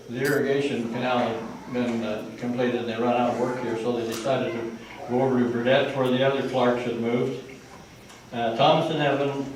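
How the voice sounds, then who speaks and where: An older man giving an informal family history talk, rambling with asides and restarts, recorded from a distance in an echoey room with background noise. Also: mid-range voice.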